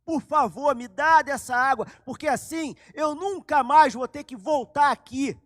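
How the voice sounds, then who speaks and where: A man voicing a weary woman at a well who begs loudly and insistently. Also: high-pitched, expressive, a little fast. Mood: pleading. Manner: loud, pleading, insistent.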